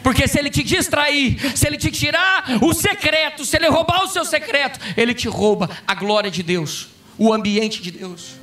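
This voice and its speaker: A male pastor preaching a fervent sermon, breaking into shouts. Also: very high voice, moderate pace, few pauses, distant mic. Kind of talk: impassioned sermon. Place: church conference hall.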